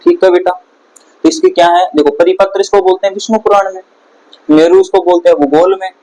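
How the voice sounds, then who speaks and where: A man's voice: high-pitched, expressive, fairly quick, dark tone, low-quality recording. A man teaching a classroom lecture, quizzing his students with the same questions again and again.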